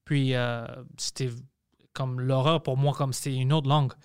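A man's voice: medium pitch, level tone, moderate pace, clean tone, no room sound, clean studio sound. A man from Montreal telling stories in casual chat, switching between French and English with a mixed Montreal accent. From Montreal, Quebec.

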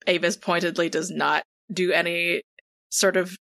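A woman's voice: on the low side, little pitch movement, moderate pace, gravelly, fairly bright tone, no room sound. A woman playing a tabletop role-playing game, chatting casually and with amusement. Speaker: tabletop role-play player.

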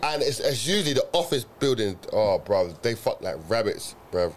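A man's voice: medium pitch, big pitch swings, moderate pace. A young man, chatting casually, rambling and agreeing in slang. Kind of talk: casual podcast chat.

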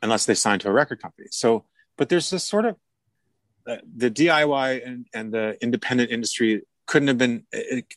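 A man's voice: mid-range voice, a little fast, a bit bright, no echo. A man, a music producer and mentor, talking in a casual interview, rambling and correcting himself as he goes and laughing easily.

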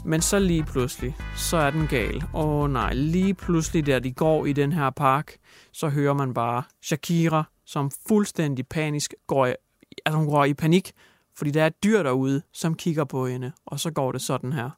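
Guy hosting radio, highish voice, jokey and crude, acts out the stories, faint music behind. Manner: jokey, crude, theatrical retelling. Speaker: radio show host. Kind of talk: comic radio news chat.

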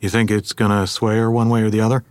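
A man's voice: lowish voice, flat delivery, fast, smooth, no echo, lightly acted. A man playing a laconic, slightly impatient husband in an audio drama, with wry, clipped replies.

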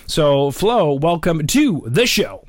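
A man hosting a rock and metal podcast interview, upbeat and chatty, quick to laugh. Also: on the high side, big pitch swings, no echo, clean studio sound. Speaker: podcast host. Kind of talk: casual interview.

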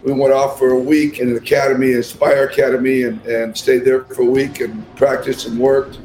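A man's voice: medium pitch, flat delivery, a little fast, a little mellow, reverberant, slight background noise, rough recording. A man, a national basketball team coach, talking through interview answers in a conversational way with frequent fillers and restarts.

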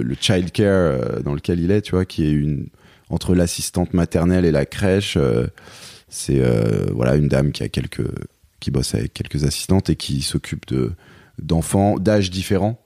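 Brief: hesitant man in his thirties, very low dark voice, dry close recording. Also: dry recording. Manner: hesitant, many fillers and restarts. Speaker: guest, songwriter and performer. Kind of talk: casual interview chat.

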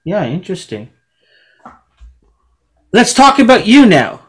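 A man interviewing a guest casually, halting and circling his way toward the question. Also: high-pitched, wildly swooping pitch, slightly rough.

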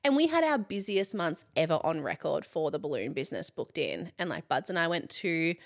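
A woman's voice: deep voice, very animated, brisk, gravelly. A woman in her thirties with an Australian accent, a chatty interview guest who fills her talk with "like" and laughs often. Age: 30s. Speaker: guest, content creator. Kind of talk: casual interview chat.

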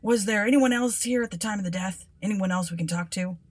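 A woman voicing an impatient male police constable who speaks loudly and curtly. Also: medium pitch, fairly quick, pitched above the performer's own voice, lightly acted.

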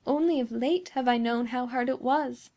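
A sorrowful young woman, as a woman narrator acts her out in a dramatic storybook tale. The voice is fairly high, tender and plaintive, with gentle, pleading archaic phrasing. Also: normal speed.

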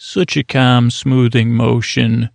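This soft-spoken male sleep-podcast host wanders through a rambling bedtime monologue, interrupting himself again and again. He talks slowly in a flat, creaky, medium-pitched voice, with no echo present.

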